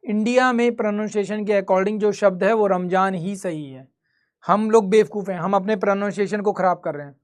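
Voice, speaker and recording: A man's voice: high-pitched, a little fast. Man teaching a live class. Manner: conversational, quizzing students and answering his own questions. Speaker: history teacher. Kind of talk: live online class lecture.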